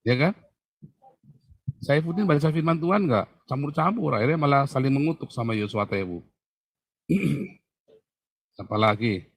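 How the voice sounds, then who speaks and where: A man's voice: medium pitch, animated, unhurried, pauses often, slightly rough, dry recording. A male pastor answering a Bible question, teaching through emphatic questions he puts to his listener.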